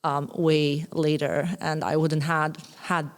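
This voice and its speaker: A woman in her thirties with an Albanian accent and a notably low voice. As a podcast guest she talks about her life in a reflective way. She pauses often and searches for words. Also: flat delivery. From Kosovo. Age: 30s. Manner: thoughtful, hesitant with many fillers. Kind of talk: reflective interview talk.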